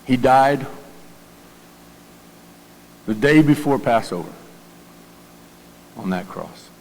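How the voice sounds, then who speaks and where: A pastor with a Southern US accent gives a sermon in a loose, conversational manner, stumbling over and repeating his words as he puts questions to the congregation. His mid-pitched voice carries the long reverb of a church sanctuary. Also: animated, slow pace, creaky, a little mellow.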